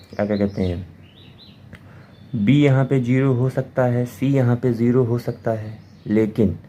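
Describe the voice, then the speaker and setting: A man's voice: medium pitch, dark tone, slight background noise. A man teaching a math lesson, explaining step by step and often repeating himself to check understanding. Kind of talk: classroom lecture.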